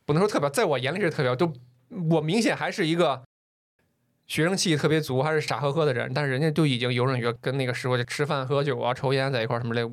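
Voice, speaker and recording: A man talks fast and loud, spilling a story from his early working life in a relaxed podcast chat. He laughs easily and swears offhandedly, and he keeps the pace quick. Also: medium pitch. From northern China. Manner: loud, animated, swears casually, laughs often. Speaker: podcast co-host.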